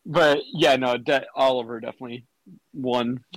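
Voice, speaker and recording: Halting man on a dry mic. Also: mid-range voice, fairly even intonation, a bit bright, dry recording, rough recording. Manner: halting, restarts a lot. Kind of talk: casual chat.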